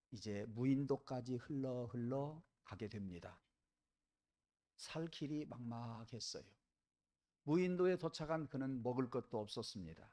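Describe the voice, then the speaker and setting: A man preaching a sermon, telling a story vividly, with dramatic rises in pitch and loudness. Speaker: pastor. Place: church.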